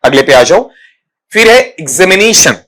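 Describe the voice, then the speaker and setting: A man's voice: high voice, lively intonation, normal speed, fairly bright tone. A man with an Indian accent teaching English pronunciation for exam prep, breaking words into sounds step by step and calling his students "beta". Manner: explains step by step, often addresses students as "beta".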